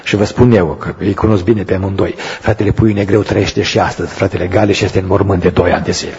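A man preaches in a church, his voice very husky and breathy. The sound is muffled and dull, with a long hall reverb trailing each line. He tells a story quietly, then rises into loud, emphatic preaching. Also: deep voice, fairly even intonation. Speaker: pastor. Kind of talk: sermon.

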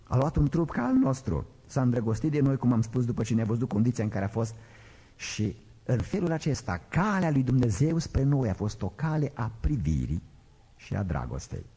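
A man preaching a sermon, swinging between loud emphatic declarations and quiet, low storytelling. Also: very animated, slightly rough. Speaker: pastor. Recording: long hall reverb.

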